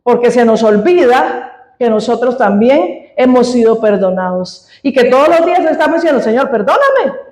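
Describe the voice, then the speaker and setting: A woman's voice: on the high side, animated, moderate pace, a little mellow, reverberant, low-quality recording. A woman preacher giving a sermon in an easygoing, conversational teaching manner, often checking in with the congregation. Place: church hall.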